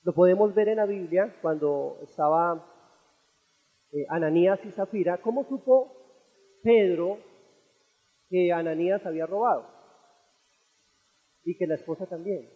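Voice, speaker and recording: A Colombian man preaching as pastor, teaching earnestly and rising to loud, fervent passages. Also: high voice, a little slow, long pauses, phone-quality sound. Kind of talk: sermon. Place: church auditorium. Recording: echoey church hall.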